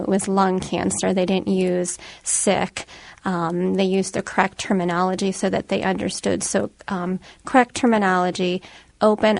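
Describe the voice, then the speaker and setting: A woman guest answering in a radio interview with plain explanations and frequent ums. Her voice has a noticeable fry and stays fairly even in melody, recorded dry and close. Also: mid-range voice, dry recording. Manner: plain-spoken explaining, filler-heavy. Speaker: hospice program worker, interview guest.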